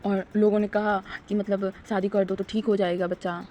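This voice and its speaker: A woman's voice: mid-range voice, little pitch movement, normal speed, a little hiss or hum, natural voice. Woman doing a worried, soothing mother. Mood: gently explaining. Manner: pleading, explaining gently.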